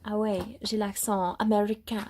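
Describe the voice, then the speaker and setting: A young woman vlogging casually while travelling, chatty and excitable, who laughs often, mixes in English words and trails off mid-thought. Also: medium pitch, a little hiss or hum. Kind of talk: casual motivational vlog. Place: travelling in South Africa.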